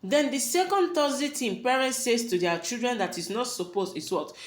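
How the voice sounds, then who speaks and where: A woman's voice: on the high side, animated, moderate pace. A woman giving parenting advice, earnest and preachy, asking rhetorical questions and repeating her warnings. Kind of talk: advice talk to camera. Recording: roomy echo.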